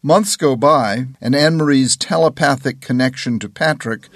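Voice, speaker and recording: Reflective male podcast host. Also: mid-range voice. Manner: reflective, rushes through some phrases, with fillers. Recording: faint music behind.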